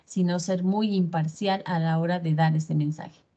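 A woman's voice: lowish voice, steady tone, moderate pace, dark tone, dull audio. A woman instructor giving an online class lecture over a video call, often checking in with her students through short tag questions.

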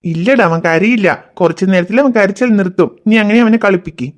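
A patient, gentle cartoon father, voiced by a performer, who talks in a quick, steady flow. He reassures and explains calmly, in a mid-pitched everyday voice. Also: natural voice. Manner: calm, reassuring, explains things to his children. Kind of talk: cartoon voice acting.

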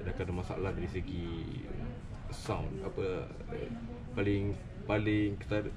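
A young Malaysian-accented audio specialist explains technical matters casually, hesitating and searching for words in a low, unhurried voice with fairly even intonation. He's indoors in a small, cluttered office, with a loud crowd audible.

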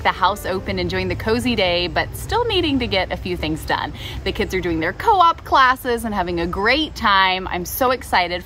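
A woman hosting a homesteading vlog, narrating a casual voice-over in a chatty, upbeat way with easy fillers. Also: medium pitch. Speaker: homesteading vlog host and mother. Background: background music.

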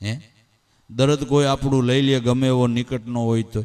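A man's voice: medium pitch, little pitch movement, moderate pace, a little mellow, clear, resonant tone. A man giving a devotional discourse at a night gathering, telling the story in a dramatic, rising and falling voice, singing verses in between and asking rhetorical questions. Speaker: devotional storyteller and bhajan singer. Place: night gathering, live event.

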